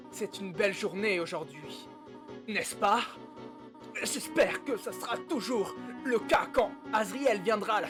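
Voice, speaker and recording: A man voicing a kindly motherly monster woman with a put-on southern French accent. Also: high-pitched.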